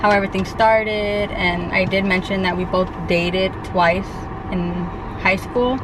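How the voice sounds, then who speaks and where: A woman's voice: medium pitch, steady tone, measured pace. Chatty young california woman vlogging outside, cars and street noise all around. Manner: chatty, rambling, lots of likes and restarts. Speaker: vlogger co-host. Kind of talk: casual couple vlog storytelling. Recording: outdoor traffic noise behind. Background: street and car noise.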